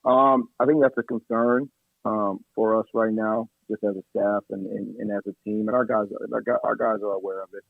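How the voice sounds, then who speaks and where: An assistant basketball coach, a man, responds to radio interview questions in a measured, steady tone, using many fillers. His lowish voice is hoarse from yelling at practice, and the tinny phone line carries no echo.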